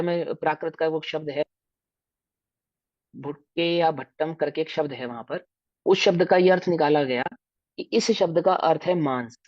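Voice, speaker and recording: A man's voice: fairly high pitch, dry recording. A man with a Hindi accent teaching a scripture lesson, explaining at length and putting questions to his listeners before he answers them. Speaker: religious teacher. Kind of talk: scriptural lecture to a class. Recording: dull dry lo-fi recording.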